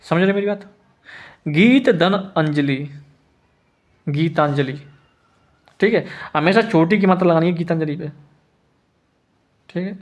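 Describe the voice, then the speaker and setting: Higher-voiced man teaching Hindi spelling. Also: fairly even intonation. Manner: repeats each word slowly, asks students if they follow. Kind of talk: spelling lesson.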